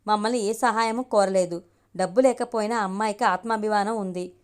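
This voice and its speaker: An earnest, gentle young man, as a woman reading the story puts him on. He reasons in a soothing, pleading way in an audiobook. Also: mid-range voice, fairly quick, clean tone, natural voice.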